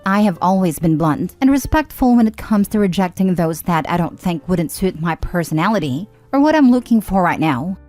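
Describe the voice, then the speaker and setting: A woman narrating online forum stories and adding her own comments, reading expressively with frequent lifts in pitch. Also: darkish tone. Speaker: story narrator.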